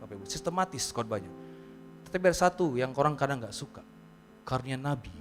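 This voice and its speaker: A male pastor with an Indonesian accent preaching to his congregation. He often acts out the complaints of churchgoers and rises to loud, high emphasis. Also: lively intonation, fast. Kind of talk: sermon. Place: church hall. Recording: reverberant church hall with music.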